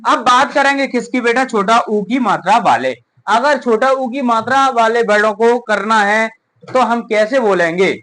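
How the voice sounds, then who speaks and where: A woman's voice: on the high side, animated, normal speed, fairly bright tone, rough recording. A woman teacher, drilling children on vowel signs in a classroom and answering her own questions. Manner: drilling, asks questions and answers them herself. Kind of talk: children's Hindi phonics lesson. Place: coaching classroom.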